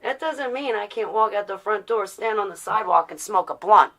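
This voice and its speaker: A fairly quick, expressive mid-range voice with a fairly bright tone belongs to a woman in her forties from New Jersey. The American-accented vlogger talks casually and bluntly, rambling defiantly and leaning on rhetorical questions.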